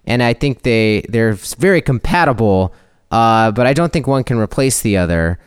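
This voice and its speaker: A man's voice: mid-range voice, expressive, moderate pace, clear, resonant tone. A man co-hosting a podcast, talking through ideas in a reflective, explanatory, conversational way. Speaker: podcast co-host. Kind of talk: conversational discussion.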